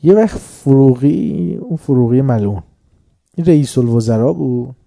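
Brief: male speaker with a deep-toned, warm voice, spinning a lively story with chuckles. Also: vocal fry, no echo, clean studio sound. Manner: lively anecdotal telling, chuckling. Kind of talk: storytelling religious talk.

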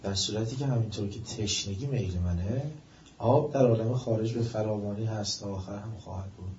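A man's voice: lowish voice, darkish tone, a little hiss or hum. Man giving an emphatic religious lecture, echoey. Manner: rising to emphatic peaks, drawn-out stresses. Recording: echoey room, dull lo-fi sound.

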